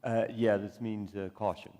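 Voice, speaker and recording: A man's voice: fairly low pitch, level tone, normal speed, dark tone. A man volunteering from the audience, giving brief, hesitant answers. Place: conference hall. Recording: distant voice in reverberant hall.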